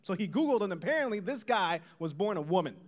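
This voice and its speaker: A man from Taiwan doing a stand-up set, telling stories in a deadpan way with bursts of laughter. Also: high voice, fast. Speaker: stand-up comedian.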